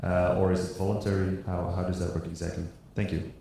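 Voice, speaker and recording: A man with a very low voice puts a polite, measured question to the panel. His words echo heavily through the conference hall. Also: level tone, vocal fry, warm tone, slight background noise. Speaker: audience member asking a question.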